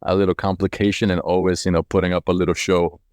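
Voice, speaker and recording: Interviewed about his life, this Colombian CEO in his forties, from Cali, talks in a reflective, conversational way, repeating words along the way. He speaks fast in a low, level, darkish voice that is clear and resonant. The sound is studio quality with no room sound.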